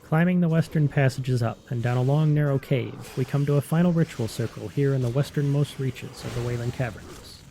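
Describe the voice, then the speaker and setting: A man with a mellow, dark tone narrates scripted fantasy game lore at a middle pitch. Ambient noise sits behind his voice. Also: brisk, creaky, few pauses.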